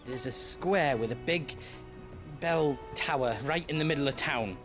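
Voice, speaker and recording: Man playing an earnest, slow-talking young man. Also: mid-range voice, over music, lightly acted. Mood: careful, helpful. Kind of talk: video game drama acting.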